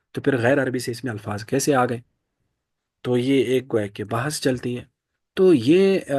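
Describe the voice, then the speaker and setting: A man giving a classroom lecture in an explanatory way, often pausing and restarting his sentences. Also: medium pitch, darkish tone, no room sound, clean studio sound. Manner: explanatory, frequent fillers and restarts. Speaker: teacher.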